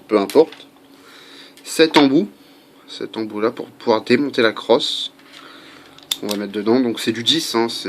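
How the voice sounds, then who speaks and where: A man giving a casual how-to video at home, chatty and full of fillers, with faint construction noise behind him. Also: medium pitch. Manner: chatty, many fillers and asides. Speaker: airgun hobbyist demonstrating a part swap.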